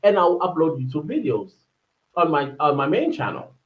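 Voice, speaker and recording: A man's voice: a little high, big pitch swings, moderate pace, narrow, tinny audio. Rambling South African man in a roomy room. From South Africa, Durban. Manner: rambling, searching for words with many fillers. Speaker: podcast host. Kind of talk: casual solo podcast monologue.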